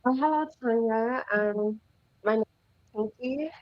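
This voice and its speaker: A woman's voice: on the high side, unhurried. A woman from New Jersey calling in to a live show, polite and hesitant, her voice distant and muffled as if on speakerphone. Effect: distant muffled phone line, as if on speakerphone. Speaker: caller. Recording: dull lo-fi phone call.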